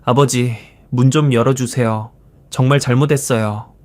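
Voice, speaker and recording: A man's voice: mid-range voice, fairly even intonation, moderate pace, a little mellow, natural voice. A man voicing a guilty grown son who pleads and apologizes to his father in a storybook reading. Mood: desperate.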